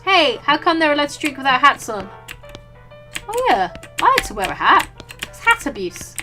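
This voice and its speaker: A woman's voice: high-pitched, very animated, normal speed, music in the background. A woman hosting a gaming video, reading game text aloud with casual, playful and jokey commentary. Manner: playful, jokey, breaks into silly asides.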